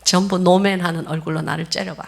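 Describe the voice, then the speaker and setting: A woman pastor preaching a sermon, telling stories in an animated way and acting out the voices of the people in them. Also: fairly low pitch, fast, gravelly. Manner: animated storytelling, laughs often, acts out quoted voices.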